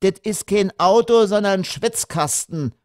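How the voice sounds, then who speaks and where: A man's voice: high voice, measured pace, darkish tone, no room sound, studio quality, voice pushed up. A man reading an audiobook voices a bratty, sulky teenage daughter with a whiny Berlin accent. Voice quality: whiny, snippy.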